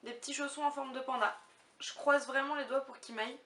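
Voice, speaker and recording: Girl vlogger chatting away, gushy, highish voice, roomy sound, mic kinda far off. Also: steady tone, a little fast, sharp tone. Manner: gushing, chatty, thinking aloud. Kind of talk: casual unboxing chat to camera. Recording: roomy, distant mic with faint noise.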